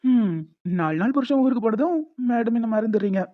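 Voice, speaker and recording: A woman voicing a playful young husband who coaxes his wife in an animated story. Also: fairly high pitch, fairly quick, narrow, tinny audio, natural voice. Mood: teasing. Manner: playful, coaxing.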